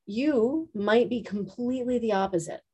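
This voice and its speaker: A woman leading a workshop, talking quickly and asking the room questions. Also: on the high side, a little mellow, husky. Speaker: workshop teacher. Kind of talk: teaching a live group.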